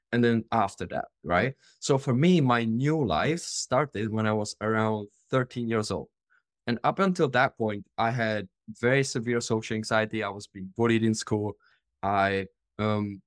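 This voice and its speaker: A man's voice: mid-range voice, dry recording, studio quality. A man in his twenties from the Czech Republic, a podcast guest telling his life story in an earnest, open way with many fillers. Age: 20s. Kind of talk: casual interview storytelling.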